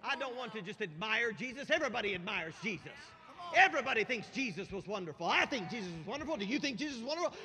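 A male pastor preaching a sermon, conversational and checking in with the congregation, swinging from hushed asides to shouted emphasis. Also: high-pitched, sing-song, fast. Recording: long reverb of a large hall.

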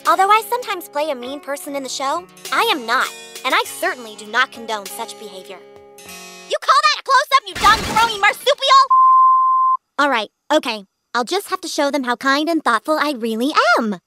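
A woman's voice: high voice, animated, brisk, few pauses. A woman voicing a spoiled, vain teenage girl dog in a cartoon, with a bossy, sarcastic, theatrical manner. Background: cartoon music.

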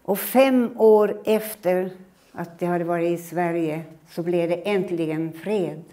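A woman in her eighties, originally from Finland, giving a lecture in which she recounts her own life in a measured, reflective way. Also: fairly low pitch, steady tone, warm tone. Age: 80s. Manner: measured, reflective storytelling that acts out her own remembered words. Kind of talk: personal storytelling lecture.

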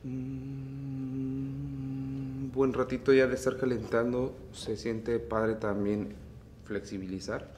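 A man with a Mexican accent, a mariachi singer teaching vocal technique in an unhurried, relaxed way. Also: medium pitch, a little hiss or hum. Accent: Mexican Spanish. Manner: unhurried, explains phrasing, breaks into singing. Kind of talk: relaxed vocal tutorial with sung demonstrations.

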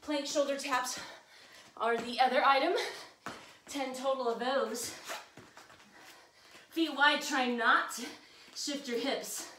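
A woman's voice: high-pitched, fairly even intonation, slow, long pauses, pushed and bright. A woman in her thirties working as a fitness instructor, calling out encouragement and instructions while exercising. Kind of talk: workout coaching. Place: home garage gym. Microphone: camera several metres away. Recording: echoey room, distant mic, background noise.

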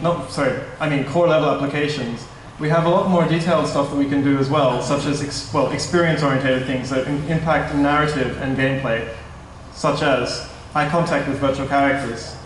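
A young man, a little high-voiced, presents his tech startup at a meetup in a big indoor hall. His delivery is casual and a bit nervous, with frequent self-corrections. Recorded on a stand mic some distance away, the audio is echoey with a little hiss or hum.

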